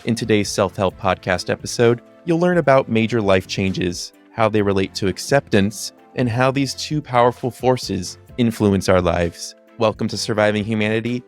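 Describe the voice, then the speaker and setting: A man hosting a podcast, reading a scripted intro and speaking straight to the listener in a measured way. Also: on the low side. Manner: measured, addresses the listener directly. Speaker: podcast host. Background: soft instrumental music.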